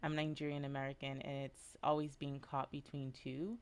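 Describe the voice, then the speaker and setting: Low-voiced woman hosting a podcast. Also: flat delivery, moderate pace, smooth. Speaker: podcast host. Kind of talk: casual interview talk.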